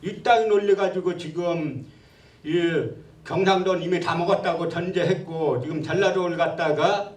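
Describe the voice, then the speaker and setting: A man's voice: high-pitched, normal speed, echoey room, recorded from a distance. A man giving a public history lecture, scornful and full of rhetorical questions.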